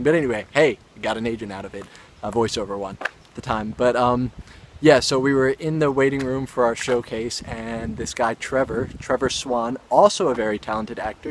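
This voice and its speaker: A man's voice: medium pitch, slight background noise. A young adult man, an actor, casually telling a story to camera in a rambling way, with self-aware asides. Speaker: actor and vlogger.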